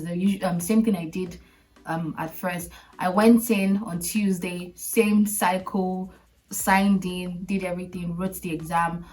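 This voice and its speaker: A woman hosting a podcast, telling her own story to viewers in a chatty, animated way, laughing often and acting out what friends said. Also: on the low side, recorded from a distance, rough recording. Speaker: podcast host.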